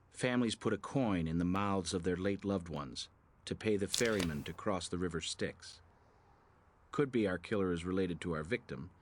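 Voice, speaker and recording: An actor playing a sober, thoughtful male crime scene investigator, measured and pondering, in scripted video game dialogue. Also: low voice.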